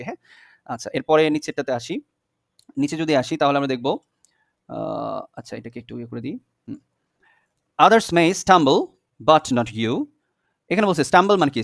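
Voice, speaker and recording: A young male tutor with a slightly high voice talks students through a poem line by line. He repeats each tricky word slowly and keeps asking if they follow. The sound is close and dry, with no room around it. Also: no room sound. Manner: patient, repeats words slowly, checks in with "okay?". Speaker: English teacher. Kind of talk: classroom lesson explaining a poem.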